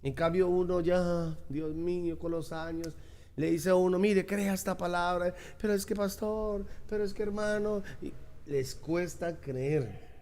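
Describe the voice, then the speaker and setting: A man's voice: on the high side, darkish tone. A man preaching a sermon as pastor, emphatic and repeating key phrases.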